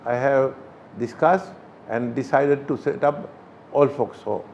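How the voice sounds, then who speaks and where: Older guy from sri lanka, buddhist priest being interviewed, mid pitch, talks halting w lots of pauses. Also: gravelly, a little hiss or hum. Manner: slow, halting, with many pauses and fillers. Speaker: Buddhist chief priest and founder of the society. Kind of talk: interview answers. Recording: slightly dull recording.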